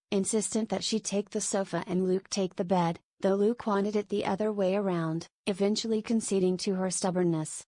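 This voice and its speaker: Woman, audiobook narrator, steady even reading, middle pitch, dry close sound. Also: no room sound. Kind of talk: scripted narration.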